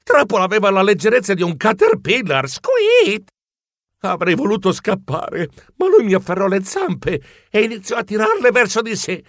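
Man, audiobook narration, expressive, lively pitch, dry studio. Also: brisk, no echo.

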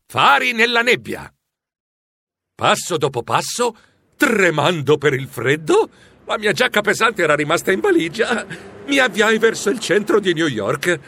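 A man narrates a storybook in the first person, animated and exclamatory. His voice sits high and swoops widely, with a bright, forceful edge. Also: unhurried, husky, dry recording. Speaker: audiobook narrator.

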